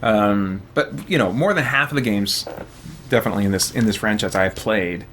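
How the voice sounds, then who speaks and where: A man's voice: fairly low pitch, a little fast, a bit bright, slight background noise. A man hosting a gaming channel, chatting casually and thinking aloud with many fillers while he plays. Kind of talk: casual chat while playing games.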